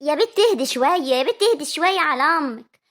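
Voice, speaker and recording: A woman's voice: sits high, lively intonation, quick pace, fairly bright tone. A woman voicing a doting older village mother with a rural Egyptian accent, drawing out her words. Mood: tender. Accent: rural Egyptian Arabic.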